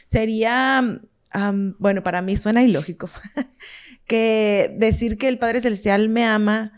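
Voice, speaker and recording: A woman's voice: fairly high pitch, steady tone, measured pace, clear, resonant tone. A woman co-hosting a casual religious discussion, agreeing often and using many fillers. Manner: warm agreeing, frequent fillers. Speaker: podcast co-host.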